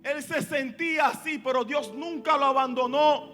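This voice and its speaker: A male pastor delivers a fervent sermon in an unusually high, bright voice, climbing into shouts at his peaks. Soft music plays under his preaching. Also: moderate pace. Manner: impassioned preaching, often shouting.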